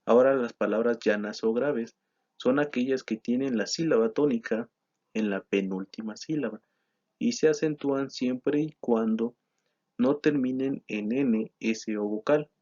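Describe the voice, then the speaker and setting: A man's voice: medium pitch, a little slow, a little mellow. A man teaching a grammar lesson, explaining from slides with frequent "eh" and self-corrections. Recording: slightly dull lo-fi sound.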